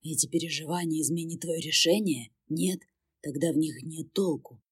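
A woman's voice: low voice, moderate pace, husky, no room sound, studio quality. A woman voicing a smug male demon companion who teases in a drawling way in a storybook reading. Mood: smug teasing. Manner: drawling, teasing.

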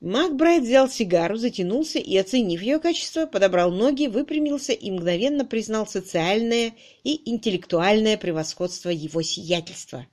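Expressive woman reading a novel. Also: mid-range voice, moderate pace, hardly any pauses. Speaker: audiobook narrator. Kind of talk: scripted narration of a novel.

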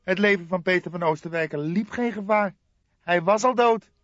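A man reading an audiobook, voicing a sarcastic young detective in a high, loud voice. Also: moderate pace, no echo, muffled recording.

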